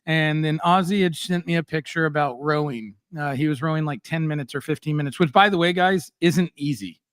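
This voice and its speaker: A middle-aged man hosts a casual live stream, speaking bluntly and animatedly with plenty of filler words. His voice is a little high for a man and fairly bright, his pace brisk. The sound is dry and close, with no echo.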